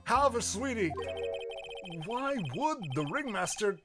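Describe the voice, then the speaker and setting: A man's voice: very high-pitched, expressive, measured pace, music in the background, pitched above the performer's own voice. A man voicing a flamboyant, vain stage magician from a video game in a theatrical, showy way. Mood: puzzled, showy. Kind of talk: video game voice-over read aloud.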